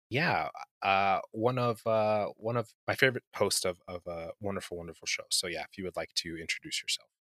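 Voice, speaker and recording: A man hosts a casual podcast interview, teasing his guest and laughing often between halting fillers. His voice sits low yet sounds bright. It is recorded close and dry. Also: no room sound.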